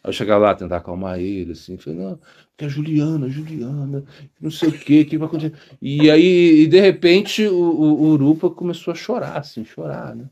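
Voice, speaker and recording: A man's voice: on the high side, lively intonation, fairly quick, vocal fry, hardly any pauses, mellow, dull audio. A man, a monk, giving an informal spiritual talk, telling rambling anecdotes and acting out the people he quotes, often laughing. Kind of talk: informal spoken discourse with anecdotes.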